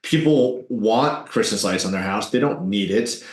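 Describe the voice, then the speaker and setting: A man telling business tips in an interview, animated and salesy. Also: lowish voice, echoey room. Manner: animated, salesy, quick asides. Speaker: guest, business owner.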